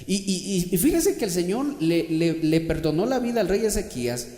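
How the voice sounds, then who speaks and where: A male pastor preaching a sermon, swinging from loud shouted passages to quiet, soft speech, addressing the congregation as brother and having them repeat after him. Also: sits high, sing-song, moderate pace. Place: church sanctuary. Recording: echoey church hall.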